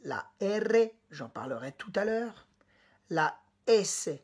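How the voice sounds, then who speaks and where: Slow, husky woman teaching pronunciation. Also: mid-range voice, sing-song, a little mellow. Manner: patient and explanatory, speaking directly to the student; repeats sounds slowly for the student. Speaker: Spanish teacher. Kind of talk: pronunciation lesson.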